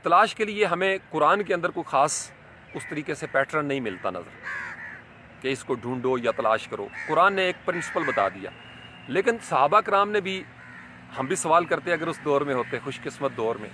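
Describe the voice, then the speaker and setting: A man's voice: a little high, expressive, sharp tone, a little hiss or hum. A man giving a reflective religious lecture, explaining Quranic verses and mixing in English terms. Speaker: Islamic scholar.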